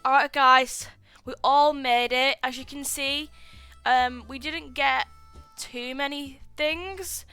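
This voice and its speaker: A woman gaming YouTuber giving excitable let's play commentary, flustered and full of panicky exclamations. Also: high voice, slow, no echo, faint music behind.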